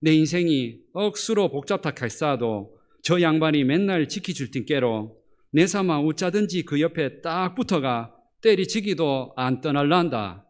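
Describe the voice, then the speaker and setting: Pastor doing a brash, hearty Gyeongsang man reciting a psalm, raised and loud. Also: on the high side, lively intonation, measured pace, pitched above the performer's own voice. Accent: Gyeongsang dialect. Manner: brash, hearty local speech.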